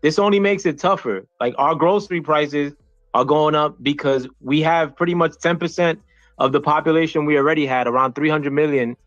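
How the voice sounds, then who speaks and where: A man from the United States making a point on a political call-in panel, halting and restarting with lots of fillers. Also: fairly high pitch, fairly bright tone, no echo, muffled recording. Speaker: panel caller. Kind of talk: heated political debate.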